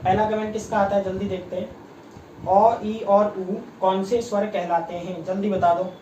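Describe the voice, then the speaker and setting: A man's voice: sits high, level tone, moderate pace, darkish tone, dull audio, a little hiss or hum. A man teaching an exam-prep lesson online, asking his students questions again and again and reading out their comments. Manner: drills students with repeated questions, reads out comments. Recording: echoey room, mic at a distance.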